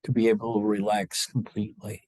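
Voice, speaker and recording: A spiritual teacher guides a group through meditation, speaking slowly and haltingly without a script and leaving long pauses. His voice is fairly low, level and darkish, with a slight roughness.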